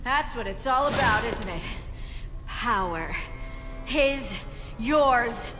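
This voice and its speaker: Young cat-burglar villainess, video game, higher-pitched, teasing, sardonic, loud music behind. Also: female voice, expressive, takes it slowly. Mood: teasing taunts. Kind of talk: dramatic video game acting.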